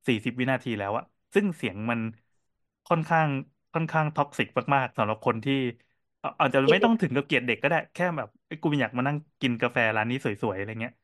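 A man co-hosting a casual podcast, telling cafe stories in a quick, animated way with lots of fillers. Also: mid-range voice, no room sound, studio quality. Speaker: podcast co-host and cafe owner.

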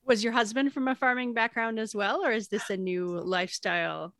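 A woman's voice: on the high side, brisk, fairly bright tone, no echo, clean studio sound. A woman co-hosting a podcast, curious and asking follow-up questions in a casual chat. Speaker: podcast co-host.

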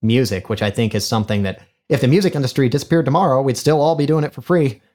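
In this casual podcast interview, the guest is a microphone designer speaking quickly in a mid-range, darkish, nasal and honky voice. He is chatty and self-deprecating, and he is recorded through a figure-eight studio condenser mic.

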